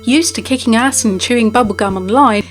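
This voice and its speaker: High-voiced woman narrating over music. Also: fairly quick. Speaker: video narrator. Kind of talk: scripted game video narration. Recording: music behind. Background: background music.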